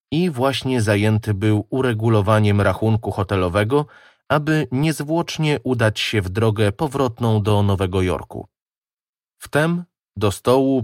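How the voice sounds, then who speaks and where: A man narrating a detective audiobook in a measured, even reading style. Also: lowish voice, dry recording, studio quality.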